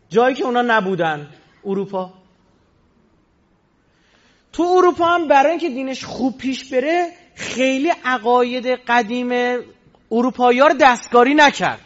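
Male preacher, high voice, storytelling sermon, rhetorical questions, muffled lo-fi audio. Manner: asks rhetorical questions and answers them. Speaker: religious lecturer. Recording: dull lo-fi recording.

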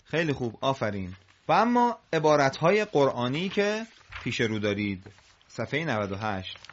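A man teaching Quran recitation to a class, patiently encouraging his students and chanting example phrases slowly. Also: medium pitch, sing-song, lo-fi sound.

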